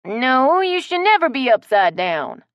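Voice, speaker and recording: A woman's voice: sits high, sing-song, a little slow, no echo, muffled recording, pitched above the performer's own voice, full character voice. A woman doing a folksy teasing man. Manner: folksy, plain-spoken.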